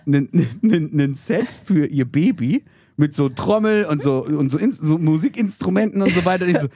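A man's voice: a little high, lively intonation, moderate pace, warm tone, husky, no echo, studio quality. A young man co-hosting a podcast, telling a story with mock outrage and plenty of swearing. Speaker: podcast co-host. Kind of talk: casual chat.

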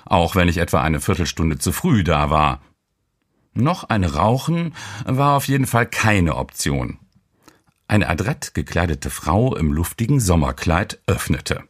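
Lively low-voiced male storyteller. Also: measured pace. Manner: relaxed, storytelling, colloquial. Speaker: narrator. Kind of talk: first-person audiobook narration.

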